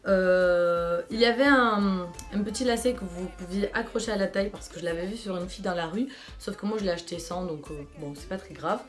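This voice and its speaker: A woman's voice: fairly low pitch, fairly quick, faint music behind. A young woman from France chatting casually through a clothing try-on haul, enthusiastic and full of fillers. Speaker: fashion vlogger.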